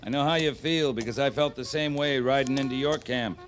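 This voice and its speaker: Man as Captain Lee Quince, steady cavalry officer. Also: medium pitch, a little fast, lightly acted. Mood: earnest. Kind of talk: 1950s radio western acting. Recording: old radio drama, light noise.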